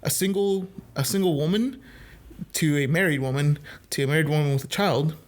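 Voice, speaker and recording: Speaking a little high and a little fast, a man from El Salvador who moved to the US at age eight joins a casual podcast conversation as a guest. He works as a youth minister.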